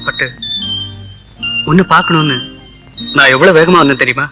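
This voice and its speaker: A man's voice: fairly high pitch, moderate pace, music in the background, close to an everyday voice, low-quality recording. A man playing an earnest young lover. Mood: romantic. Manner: earnest, coaxing. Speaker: film actor. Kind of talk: 1980s film dialogue.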